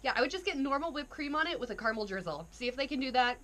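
Casting: woman, 20s, slightly high-pitched, casual vlogger doing a taste-test review. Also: expressive, racing, fairly bright tone. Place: indoor room, seated.

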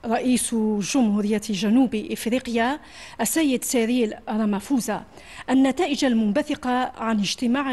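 A woman news anchor reading a television news bulletin in a formal, even newsreader delivery. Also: a little high.

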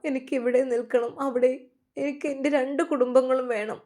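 Woman reads a tearful young wife with a Malabar Malayalam accent, soft pleading tone, storybook narration. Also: sits high, flat delivery, brisk, pitched above the performer's own voice, natural voice. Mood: sorrowful.

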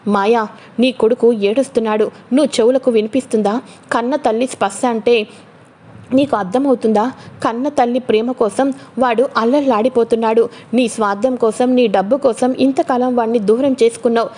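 A woman's voice: on the high side, steady tone, normal speed, a little mellow, close to an everyday voice. A woman voicing a fierce woman who urgently implores a collapsed mother to wake, in a spoken soap-opera retelling. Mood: imploring. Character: pleading fierce woman urging a mother awake.

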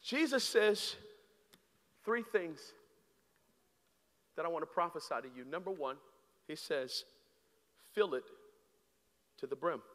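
A man in his thirties preaching a sermon on a large church stage with a handheld mic, swinging from hushed, slow lines to shouted peaks. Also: a little high, animated. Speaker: guest preacher. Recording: long hall reverb.

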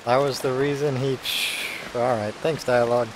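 A man's voice: mid-range voice, level tone, normal speed, background noise. A man giving casual video game playthrough commentary, with wry, grumbling, rambling asides. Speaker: gameplay commentator. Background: game ambience.

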